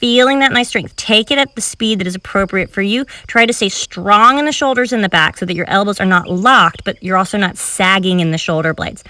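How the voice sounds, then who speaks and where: Breathless, bright female fitness instructor. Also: medium pitch, dry recording, distant mic. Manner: encouraging, counts reps aloud while moving. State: slightly out of breath. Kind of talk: cueing a home cardio workout while exercising. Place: filmed outdoors in public.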